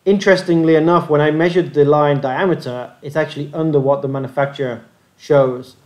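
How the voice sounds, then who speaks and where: A man's voice: fairly high pitch, steady tone, brisk, a little mellow. A man hosting a fishing channel, narrating a methodical review of gear tests over slides in a plain-spoken way.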